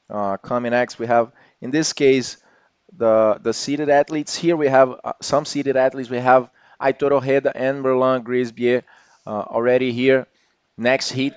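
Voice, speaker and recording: A man's voice: medium pitch, clear, resonant tone, no room sound, lo-fi sound. A man giving live sports commentary as one of the broadcast's commentators.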